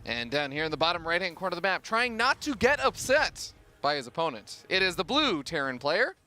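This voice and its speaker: Lively guy casting starcraft, kinda high voice, jokey. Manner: playful, quick jokes. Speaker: esports commentator. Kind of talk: live esports play-by-play commentary.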